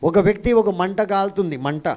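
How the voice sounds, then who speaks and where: A man's voice: high voice, moderate pace, a little mellow. A male pastor preaching a sermon, calling out to the congregation for responses and dropping in English phrases.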